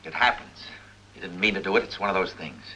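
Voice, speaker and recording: An actor playing a tough, blunt police captain in a 1950s film, talking in a clipped, forceful way. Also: male voice, low-pitched, fast, slight background noise. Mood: weary, determined. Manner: clipped, forceful, hard-nosed interrogating. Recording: dull lo-fi 1950s film audio.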